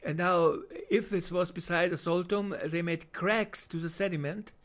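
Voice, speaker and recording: Commenting on video footage without a script, a German-accented man speaks haltingly, leaning on fillers and restarting often. His voice is high and his tone steady.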